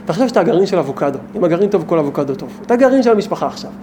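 Over a noisy background, a high-voiced man acting as a rabbi teaches a small group. He speaks with animated emphasis and uses plenty of rhetorical questions.

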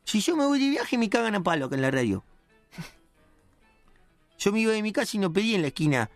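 A man's voice: high voice, sing-song, moderate pace, faint music behind. A man doing Palito, a rowdy slangy hothead. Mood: ranting. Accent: Rioplatense Spanish. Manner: rambling, indignant, slangy rant. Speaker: radio comedy character.

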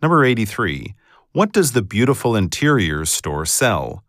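A male test narrator reads scripted questions formally, with careful enunciation. His fairly low voice has strongly varied intonation, and the recording is dry and close. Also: very animated, normal speed, a bit bright, dry recording.

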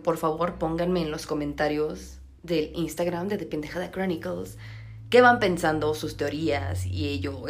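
A young woman with a Mexican accent who has just woken up, chatting animatedly and using lots of slang on her podcast. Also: lowish voice. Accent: Mexican Spanish. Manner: animated, slangy, gasps and exclaims. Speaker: podcast host. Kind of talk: casual chat, series review.

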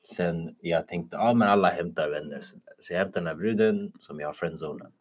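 A man's voice: sits low, slight background noise. A young man, a podcast co-host, telling a story in casual chat and mixing in English phrases.

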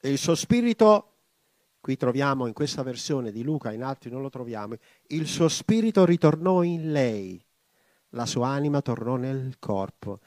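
A man's voice: medium pitch, expressive, moderate pace, a little mellow, dry recording. A male pastor reading scripture aloud and commenting on it, then leading a prayer that grows more and more intense. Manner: reads scripture then prays with rising intensity.

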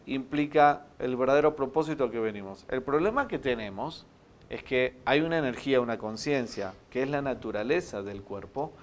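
A man teaching a spiritual meditation class, explaining step by step and often checking with the students. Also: mid-range voice.

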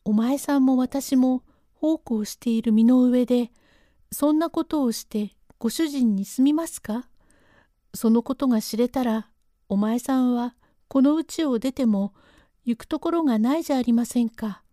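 A woman's voice: fairly high pitch, measured pace, mellow, no echo, clean studio sound, lightly acted. A woman voicing a frightened young maidservant who protests and reproaches. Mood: reproachful.

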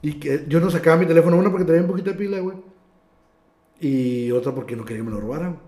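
A young man with a northern Mexican accent rambles through a casual story, his slightly higher voice dropping soft at the ends of phrases. He leans on slang constantly. The room behind him is echoey. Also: rapid-fire. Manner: slangy, drops "güey" constantly, trails off quietly.

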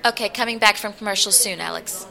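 An actress playing a matter-of-fact radio show producer with a dry manner. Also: female voice, mid-range voice, fast, vocal fry, pushed and bright, soft background music. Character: unflappable woman radio producer, practical.

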